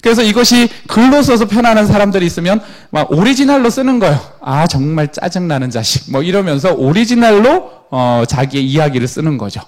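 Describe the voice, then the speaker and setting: A middle-aged man giving a lecture to parents, animated, acting out quoted parents and children. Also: sits high, a little fast, hardly any pauses.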